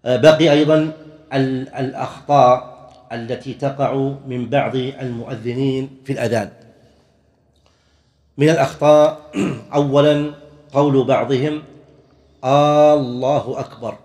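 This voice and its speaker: A man teaching a religious lesson in a measured, explanatory way, pausing to demonstrate correct and wrong pronunciations and sometimes restarting a phrase. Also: medium pitch, steady tone, a little mellow, big-room sound. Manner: occasionally clears throat, restarts phrases. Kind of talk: classroom lecture on worship rules.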